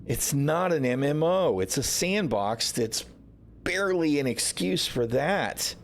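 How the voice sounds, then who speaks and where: A man's voice: on the high side, lively intonation, measured pace. A man hosting a gaming livestream, ranting casually with sarcasm and frequent swearing. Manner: frustrated, sarcastic, swears often. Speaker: livestream host.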